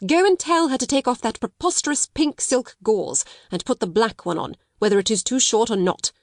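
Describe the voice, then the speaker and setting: A woman's voice: mid-range voice, sing-song, a little fast, no room sound, natural voice. Storybook villain: cold, domineering headmistress, fierce and biting, played by a female narrator, recorded close and dry. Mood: harsh. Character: stern, bitter, domineering schoolmistress, cold older sister.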